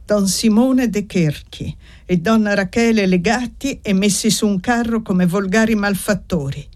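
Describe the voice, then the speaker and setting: A reader playing an old male family servant who speaks slowly, gently and in a pleading way. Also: mid-range voice, pitched above the performer's own voice, lightly acted. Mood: grieving.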